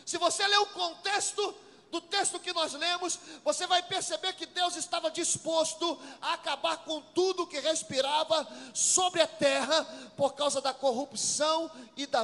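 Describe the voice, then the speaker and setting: A man preaches in a church, his voice sitting very high. He tells his story through acted dialogue, then builds to shouted calls to the congregation. Long reverb from the sanctuary trails every phrase. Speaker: pastor. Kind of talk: sermon.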